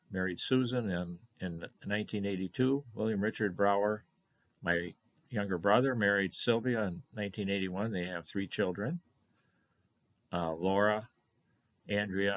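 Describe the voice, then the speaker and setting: Older man, slow and halting lecturer, bright slightly low voice, muffled lo-fi room recording. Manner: halting, many fillers and restarts. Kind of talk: presenting a slide lecture on family history. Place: meeting room of a historical society.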